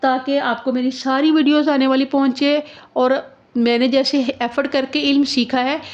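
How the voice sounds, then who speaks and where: A woman's voice: high-pitched, little pitch movement, moderate pace, lo-fi sound. A woman teaching Urdu handwriting step by step, speaking patiently and repeating each letter sound while checking her students follow along.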